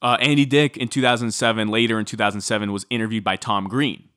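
A man's voice: on the low side, quick pace, smooth, dry recording, clean studio sound. A man casually recounting a true-crime story as podcast co-host, chatty with many fillers. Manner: chatty, filler-heavy, animated when quoting.

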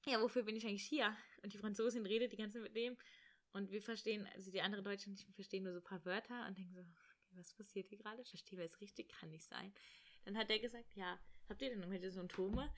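A young woman in casual chat, telling a travel story in an animated way and acting out the voices of people in it. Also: medium pitch. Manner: animated, rushed, acts out quoted voices. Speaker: storyteller guest.

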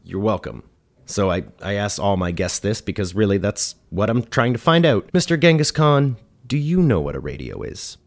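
An actor playing a dry, exasperated ghost who hosts a radio show, speaking in a deadpan, wry way. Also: male voice, on the low side, moderate pace, vocal fry. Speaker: host. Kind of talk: comedy radio sketch.

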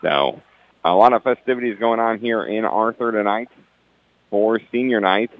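A man calling a local basketball game on the radio, reading scores and station promotions in a steady, dense announcer delivery with a broadcast sound. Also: fairly low pitch, moderate pace, dry recording, lo-fi sound.

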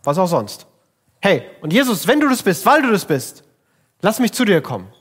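A bold, eager disciple, a grown man, keen to take the risk. A preacher voices him in a fairly high, confident tone. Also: wildly swooping pitch, moderate pace, a bit bright, husky, full character voice.

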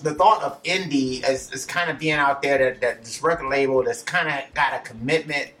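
A man at an ordinary middle pitch talks casually, circling his points with repeated restarts and fillers. He sounds set back from the microphone, a little distant in the recording. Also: normal speed, sharp tone, faint music behind. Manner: rambling, many restarts and fillers. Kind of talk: casual chat.

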